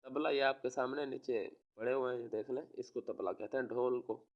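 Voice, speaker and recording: A man from Pakistan, a teacher giving a recorded lesson to young children, slowly spelling out words and repeating them. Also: mid-range voice, steady tone, muffled recording. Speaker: online school teacher.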